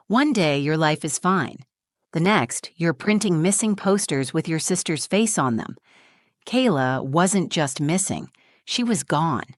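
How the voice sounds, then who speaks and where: Low-voiced woman narrating a dry story. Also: no echo. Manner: measured, reflective storytelling with short dramatic phrases. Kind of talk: scripted first-person story narration.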